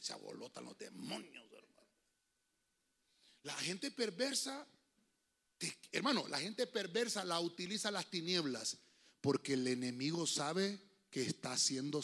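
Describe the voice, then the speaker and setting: A Honduran pastor preaches a sermon in church, addressing the congregation as brothers. His fairly high voice moves between fiery outbursts and quiet asides.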